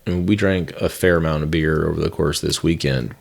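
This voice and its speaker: A man co-hosting a podcast in casual chat, talking in a hesitant, halting way with frequent restarts. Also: a bass voice, steady tone, gravelly. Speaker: podcast co-host.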